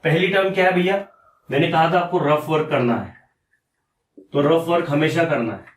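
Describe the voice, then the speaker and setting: A man's voice: fairly high pitch, moderate pace, echoey room, recorded from a distance. A man teaching a maths lesson step by step, repeating each step and asking and answering his own questions. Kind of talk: explaining step by step on a board.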